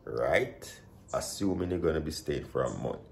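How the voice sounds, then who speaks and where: Deep, mellow Jamaican man, slightly husky. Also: animated, normal speed, a little hiss or hum. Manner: conversational, repeats points and checks in with "right?" and "you see". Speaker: vlog host. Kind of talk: casual explanatory vlog talk.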